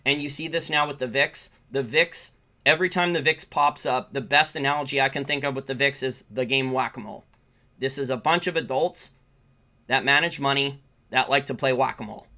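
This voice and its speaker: An American man hosts a finance channel, fielding live viewer questions with casual, opinionated market commentary delivered off the cuff. His voice sits at medium pitch and sounds pushed and bright, and he repeats points to drive them home.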